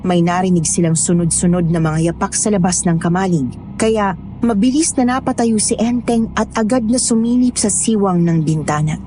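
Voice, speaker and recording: A woman narrating a scripted horror story in a measured, storytelling manner. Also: mid-range voice, mellow, a little hiss or hum.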